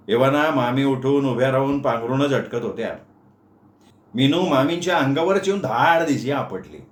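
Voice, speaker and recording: A man narrating a story in a lively, dramatic storytelling manner. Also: fairly high pitch. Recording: echoey room.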